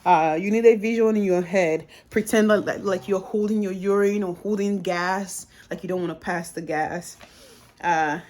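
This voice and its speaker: A woman casually talking through a postpartum exercise routine at home, plain-spoken and filling her speech with "uh" and "like". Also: mid-range voice. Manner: plain-spoken, with frequent "uh" and "like" fillers. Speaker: vlogger sharing postpartum exercises. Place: bedroom at home. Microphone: camera set up across the room.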